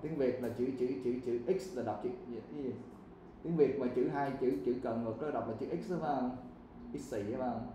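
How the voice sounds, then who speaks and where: A man's voice: medium pitch, fairly quick, warm tone. Roomy-sounding male teacher quizzing students. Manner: quizzing students, switching between English and Vietnamese. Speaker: English teacher. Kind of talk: live classroom lesson. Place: classroom. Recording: echoey room with faint background noise.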